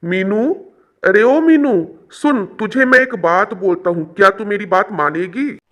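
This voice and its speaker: A middle-aged man voicing a gentle father in a cartoon story, asking anxious questions and coaxing his daughter. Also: high voice, unhurried.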